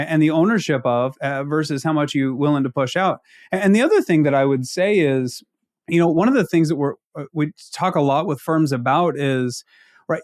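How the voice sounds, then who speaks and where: A man with an Ozark Arkansas-area accent speaks in a fairly high voice. He talks as a consultant on a discussion panel, giving conversational advice with emphasis and frequent rhetorical questions. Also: a little mellow. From Ozarks, United States. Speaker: leadership consultant, panel guest.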